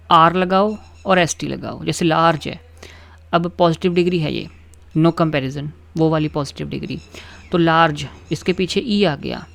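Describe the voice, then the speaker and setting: A patient teacher, explaining grammar at a mid-range pitch. The teacher recites word lists in a steady rhythm and pauses often to check that the listener is following. The recording is dry, with no room sound. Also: gravelly, dry recording. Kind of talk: grammar lesson.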